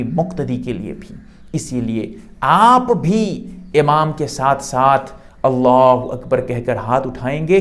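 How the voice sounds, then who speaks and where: Male religious teacher, slightly high voice, patient step-by-step explainer with emphatic rises. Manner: explanatory, repeats points, rises in pitch for emphasis. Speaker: Islamic teacher. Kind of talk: religious instruction.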